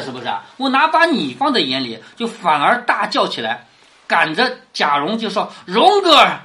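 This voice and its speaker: A woman's voice: mid-range voice, fairly bright tone. A woman lecturing on a classic novel, retelling and explaining it in plain conversational words and often asking rhetorical tag questions. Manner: constantly asks rhetorical tag questions, drops her voice on them.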